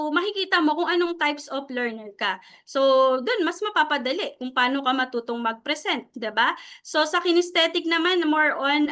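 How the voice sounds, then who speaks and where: A woman's voice: high-pitched, sharp tone. A middle-aged Filipino woman leading a presentation-skills seminar, mixing Tagalog and English and checking in with her listeners after nearly every phrase. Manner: Taglish, switching freely between Tagalog and English. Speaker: trainer teaching presentation skills. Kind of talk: seminar lecture to a sales team.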